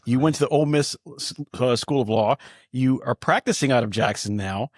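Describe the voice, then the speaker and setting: A man's voice: mid-range voice, fairly quick, no echo. Man hosting a podcast, chatty, enthusiastic, dry close-miked sound. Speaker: podcast host. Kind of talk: casual interview chat.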